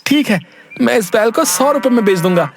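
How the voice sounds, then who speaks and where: A voice actor playing a dim-witted, whiny village husband in a cartoon, talking in squeaky, drawn-out complaints. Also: lively intonation, creaky. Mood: silly, whiny. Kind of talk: Hindi cartoon dubbing. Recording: background music under voice. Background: cartoon background music.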